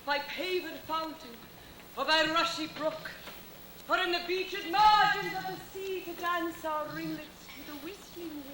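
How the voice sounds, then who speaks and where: A woman's voice: extremely high pitch, a little slow. A woman playing a proud, scornful fairy queen in hammy, theatrical Shakespearean stage style, projecting and drawing out her words. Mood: grave reproach. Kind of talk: outdoor stage performance of Shakespeare. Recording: echoey, noisy distant outdoor theatre recording.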